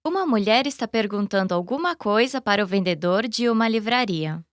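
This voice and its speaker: A woman reading a language-quiz setup and question clearly, as scripted lesson narration. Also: mid-range voice, animated, a little fast, no echo, clean studio sound.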